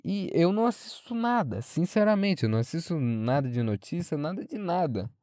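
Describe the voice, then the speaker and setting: Um jovem brasileiro falando sozinho de forma casual, franca e cheia de palavrões, divagando sobre a faculdade. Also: male voice, fairly high pitch, big pitch swings, moderate pace, dark tone, no echo, clean studio sound. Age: young adult. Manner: frank, rambling, swears freely. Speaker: podcast host. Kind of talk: casual solo monologue.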